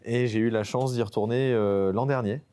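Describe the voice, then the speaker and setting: A man's voice: medium pitch, steady tone, moderate pace, warm tone, smooth. A man from French Guiana, a nature photographer, talking casually in an interview with many fillers and restarts.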